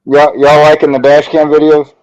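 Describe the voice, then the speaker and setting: A man's voice: fairly high pitch, completely flat delivery, moderate pace, a little mellow, muffled recording. A man, talking in a laid-back, plain-spoken way. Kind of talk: casual chat.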